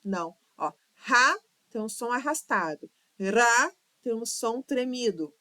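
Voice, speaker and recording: A Brazilian woman preps students for Portuguese exams in an online lesson, patiently working through questions. She counts syllables aloud and drawls words to sound them out. Her voice is on the high side with lively intonation and a moderate pace, and there is no echo.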